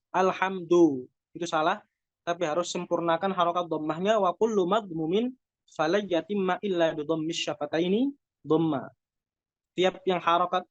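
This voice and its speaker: An Indonesian man teaching Quran recitation rules, explaining step by step and then reciting slow, drawn-out examples. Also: sits high, no echo. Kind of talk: tajwid lesson with recited examples. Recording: dull, dry lo-fi recording.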